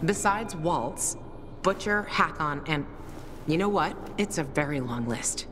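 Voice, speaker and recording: In a video game cutscene, a young adult actress plays a tough, cynical female sniper who is blunt, sardonic and foul-mouthed, delivering her lines with deadpan menace. Her voice sits low with lively intonation and a slightly slow pace, set against game soundtrack music and some background noise.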